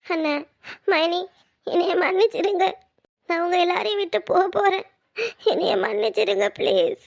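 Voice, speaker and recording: A performer voicing a despairing young woman in a family drama, talking slowly and hopelessly. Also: extremely high pitch, steady tone. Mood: tearful farewell. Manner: tearful, slow, hopeless. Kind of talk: Tamil family drama voiceover.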